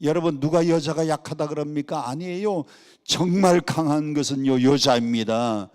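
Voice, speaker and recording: A middle-aged male pastor preaching a lively sermon and leading the congregation in call-and-response. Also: fairly high pitch, moderate pace, clean tone. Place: church sanctuary. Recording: long hall reverb.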